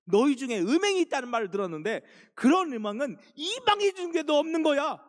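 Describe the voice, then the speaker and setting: Brief: man doing an enraged elderly apostle, high shouted rebukes, wide swings. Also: lively intonation, measured pace, creaky, breathy edge, full character voice. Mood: furious rebuke. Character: stern older male apostle, furious and scolding.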